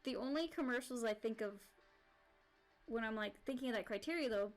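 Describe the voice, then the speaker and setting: A woman streamer chatting casually and rambling while she draws. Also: fairly high pitch. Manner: rambling, full of "like" and restarts. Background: faint background music.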